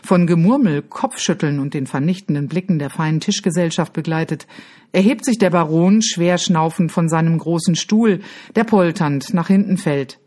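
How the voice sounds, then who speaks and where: A woman narrates a children's storybook with lively expression. Her voice sits low and carries a husky grain throughout. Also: normal speed. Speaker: audiobook narrator.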